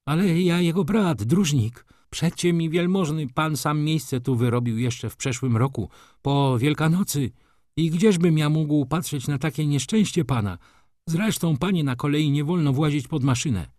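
A man's voice: a little high, normal speed, a little mellow, dry recording, studio quality, pitched above the performer's own voice, lightly acted. A man voicing a humble, pious railway lineman who pleads and consoles in a raised voice. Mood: pleading.

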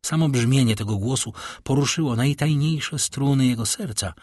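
A man reading a classic novel aloud in measured, literary narration. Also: medium pitch, a little mellow, husky, no room sound, clean studio sound. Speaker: audiobook reader. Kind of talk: scripted narration.

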